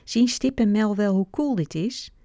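A woman voicing a brave, lively young girl in a storybook reading. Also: medium pitch, unhurried, no room sound, close to an everyday voice. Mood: eager.

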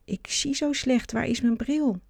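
The narrator voicing a kindly, hard-of-hearing old man in a Christmas storybook, his lines lifted higher than the narration. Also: unhurried, vocal fry, darkish tone, no echo, clean studio sound. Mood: puzzled.

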